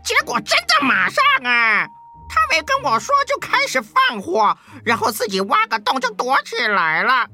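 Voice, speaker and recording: Brief: melodramatic wailing duck, slow and bright, a woman playing her. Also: medium pitch, big pitch swings, soft background music, heavily acted. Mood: lamenting. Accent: Taiwanese Mandarin. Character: sooty, self-pitying female colorful duck. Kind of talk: audio story acting.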